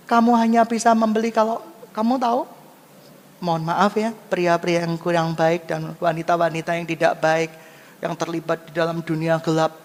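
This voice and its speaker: A male pastor preaching a sermon, swinging between loud high exclamations and low hushed asides. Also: long reverb tail.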